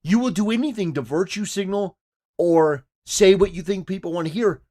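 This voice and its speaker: A man with a notably high-pitched voice delivers live-stream commentary full of scorn. He talks straight at his target, confrontational and cutting. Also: normal speed, darkish tone.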